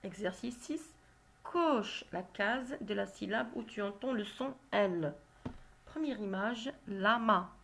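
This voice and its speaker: Slow, careful woman teacher. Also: mid-range voice, creaky, fairly bright tone, a little hiss or hum. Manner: slow, careful, spells out syllables. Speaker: primary school teacher. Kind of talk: reading lesson, exercise correction.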